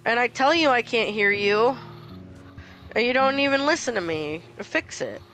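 A woman's voice: a little high, very animated, moderate pace, fairly bright tone, low-quality recording. A woman chatting casually while streaming a game, talkative and profane, ranting about small annoyances. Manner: chatty, swears freely, ranting complaints. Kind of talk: casual chat while gaming.

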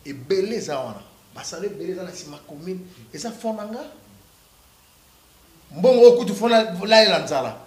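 A man giving political opinions in an impassioned interview, repeating words for emphasis and bursting into shouts. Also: sits high, expressive, normal speed, long pauses, echoey room.

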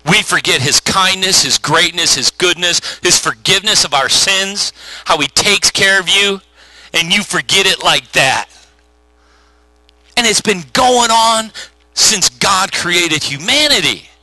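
A middle-aged male pastor preaching a sermon, telling the story with lively acted-out voices. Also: high-pitched, measured pace, dry recording, poor audio. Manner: animated storytelling with voiced characters.

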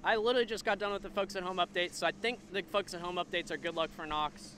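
A man's voice: sits high, fairly even intonation, quick pace, fairly bright tone, slight background noise. A man in his twenties vlogging casually from a fishing boat on a lake, talking loosely to viewers he calls folks. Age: 20s. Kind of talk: casual on-the-water vlog. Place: outdoors on a bass boat on a lake. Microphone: camera mounted on the boat, close framing.

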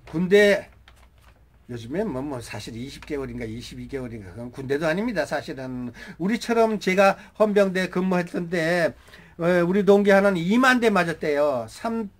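An older man in his sixties spins a story in a loose, rough-spoken way, cursing freely and suddenly shouting out quoted lines. His voice sits fairly high for a man. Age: 60s. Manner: rough-spoken, swearing, bursts into shouting when quoting. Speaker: channel host.

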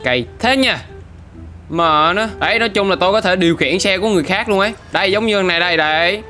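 A man doing excitable gameplay commentary, throwing in English exclamations. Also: sits high, fast. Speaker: gaming YouTuber.

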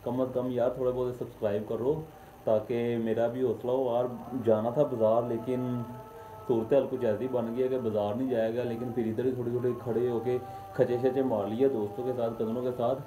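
A man's voice: mid-range voice, flat delivery, brisk, mellow, roomy sound, soft background music, low-quality recording. A young man, casually vlogging to a phone held at arm's length and pleading with viewers to subscribe. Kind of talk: casual selfie vlog. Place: indoor room, then outdoors on a street.

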